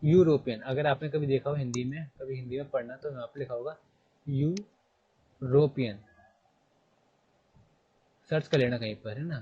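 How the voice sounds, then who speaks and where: A male English grammar teacher in a classroom, repeating his points and firing quick questions at his students. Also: mid-range voice, steady tone, a little mellow, lo-fi sound, slight background noise.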